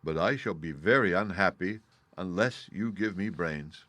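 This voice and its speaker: Guy putting on a draggy, earnest storybook scarecrow, lower and a bit strange. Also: moderate pace, fairly bright tone, dry recording. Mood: pleading. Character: straw-stuffed scarecrow, earnest and wistful.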